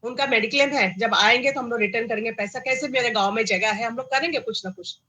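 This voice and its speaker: A middle-aged woman with an Indian accent recounts her own story, her voice bright and forceful. She sits a little above the usual pitch for a woman and tells it in an animated way, slipping into English phrases as she goes. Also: fast, poor audio. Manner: animated, acts out quoted dialogue, mixes in English phrases. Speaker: cancer survivor guest. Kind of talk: personal storytelling.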